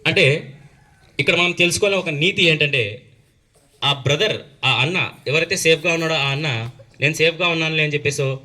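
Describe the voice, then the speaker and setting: A man teacher telling a moral story to students at a school assembly, in an animated storytelling manner. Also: a little high.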